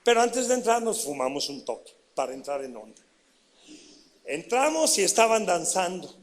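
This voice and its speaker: A man's voice: high voice, sing-song, moderate pace. A middle-aged man with a Mexican Spanish accent, a pastor telling his own story in a sermon and often putting questions to the congregation. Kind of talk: sermon testimony.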